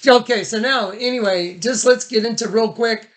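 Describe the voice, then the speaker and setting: This man's voice is very high-pitched and a bit bright, moving at an ordinary pace. As host of a recorded phone statement, he chats informally and drifts around a bit.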